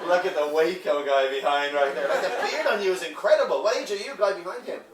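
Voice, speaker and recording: A man's voice: sits high, expressive, fast. A man with an Irish accent working the crowd as a comedy club MC, brash and full of swearing banter. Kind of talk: stand-up crowd work. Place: upstairs comedy room in a bar. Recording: echoey room from far off, loud noise. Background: audience laughing.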